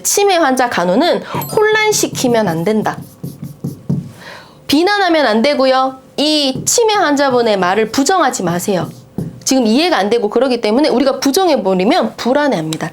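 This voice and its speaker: A woman lecturing nursing exam students, often asking questions and answering them herself. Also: fairly high pitch. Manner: lively, asks and answers her own questions.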